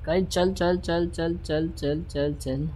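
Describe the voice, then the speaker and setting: A man doing live gameplay commentary, talking straight to his viewers, repeating words in quick bursts and humming la-la while he plays. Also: on the high side, slight background noise. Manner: excitable, repeats words in rapid bursts, hums la-la while playing; talks directly to viewers, asking for follows and shares. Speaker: gaming livestreamer.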